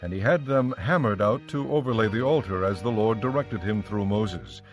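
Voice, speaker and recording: A man narrating scripture in an even, measured storytelling manner, with faint music behind. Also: lowish voice, lo-fi sound.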